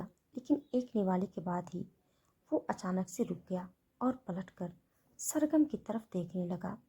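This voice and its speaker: Woman reading a story, mellow kinda husky voice, all characters in one voice. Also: mid-range voice. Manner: reads every character in the same plain voice. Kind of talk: scripted story narration.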